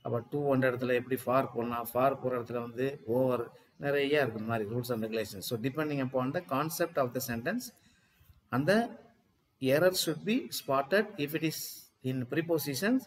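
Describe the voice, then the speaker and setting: A man's voice: mid-range voice, poor audio. A man with a Tamil accent teaching an English grammar lesson, mixing in Tamil and often asking students if they follow. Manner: switches between Tamil and slow, deliberate English. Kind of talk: exam-prep grammar lesson.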